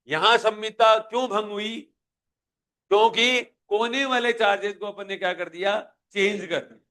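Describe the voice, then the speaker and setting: A man's voice: high voice, a bit bright. A male physics teacher with a Hindi accent giving a live classroom lecture, questioning students and pushing them to answer aloud.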